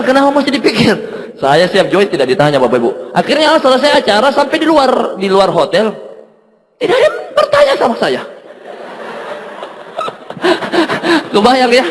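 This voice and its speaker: A man telling a motivational story to a seminar audience, animated, laughing often and acting out the dialogue. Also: very high-pitched. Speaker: guest speaker at a business seminar. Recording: long reverb from a hall.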